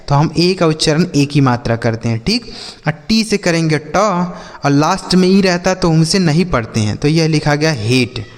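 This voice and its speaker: A man's voice: fairly high pitch, long reverb tail. A man teaching a reading lesson to students, asking questions, answering them himself and repeating key points. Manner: questioning, repeats and answers his own prompts. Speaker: English teacher. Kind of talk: Hindi-language reading lesson.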